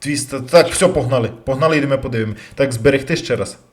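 A man commentating his own gameplay, bursting into loud curses and then dropping to quiet muttering. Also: medium pitch. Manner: loud outbursts and heavy swearing; jumpy, rapid switches between yelling and muttering. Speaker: let's play gamer.

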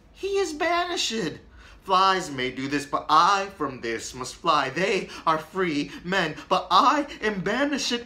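A man acts a lovesick young exile in a classical stage monologue. He declaims in impassioned anguish. The voice is bright and forceful, sits a little high and swings widely in pitch. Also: heavily acted. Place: small plain room indoors.

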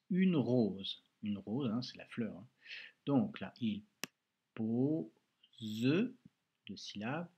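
Slow, patient husky-voiced male teacher. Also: medium pitch. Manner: slow, patient, talks directly to a child, frequent "hein". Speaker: primary school teacher. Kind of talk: recorded remote dictation lesson.

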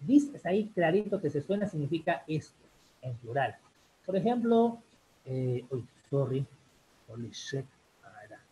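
A man's voice: on the high side, warm tone, a little hiss or hum, rough recording. A young man, teaching an English grammar class live online in a chatty way, repeating "chicos" and "bien" often.

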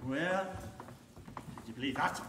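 A man's voice: a little high, animated, a little slow, sharp tone, recorded from a distance, slight background noise. An Irish man addresses an audience as a folk performer doing stage patter. His voice rings with room echo from the stage. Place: indoor theatre stage.

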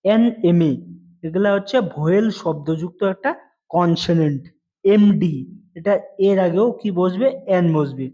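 A man's voice: high voice, a little slow, mellow, muffled recording. A male English teacher explaining grammar to students, patiently repeating key words and asking them questions.

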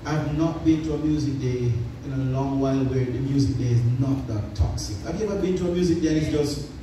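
A man's voice: medium pitch, fairly quick. A man interviewing a guest in a church, talking in a chatty, candid way. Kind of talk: casual interview. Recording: echoey hall from far off with crowd noise.

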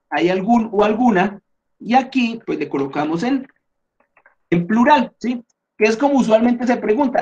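A man's voice: sits high, darkish tone, highs cut off. A man teaching English in Spanish, explaining step by step, checking in often and correcting himself as he edits on screen. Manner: patient, step-by-step explaining with frequent check-ins; thinks aloud and corrects himself while editing on screen. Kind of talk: online lesson explained in Spanish.

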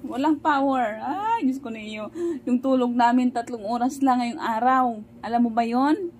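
Young woman, Visayan accent, fairly high voice, chatty home vlog, sing-song baby talk with her kids, faint background noise. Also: normal speed, darkish tone. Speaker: family vlogger and mother. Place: home kitchen.

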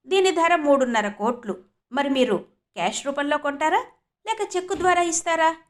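A woman's voice: sits high, animated, moderate pace, pitched above the performer's own voice. A woman voicing a snobbish, condescending senior car saleswoman. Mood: mocking. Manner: mocking, condescending.

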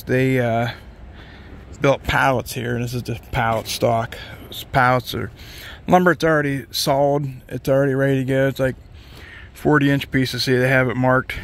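A man's voice: medium pitch, fairly bright tone. A man in his thirties, a truck driver, chatting casually and rambling in an easygoing, plain-spoken way as he vlogs from a truck yard and his cab. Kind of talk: casual vlog chat. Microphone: phone held at arm's length outdoors, headset mic in the cab.

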